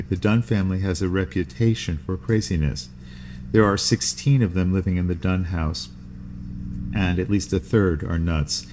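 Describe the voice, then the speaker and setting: A man, hosting a podcast, reading a first-person novel aloud in a measured, unhurried way, with allergies. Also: low-pitched, darkish tone, slight background noise. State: sneezing from allergies.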